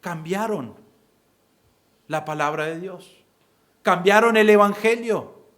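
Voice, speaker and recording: High-voiced Argentine preacher. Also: male voice, slow pace, a bit bright. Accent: Rioplatense Spanish. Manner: conversational preaching, acts out excuses in quoted voices. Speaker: pastor. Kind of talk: sermon.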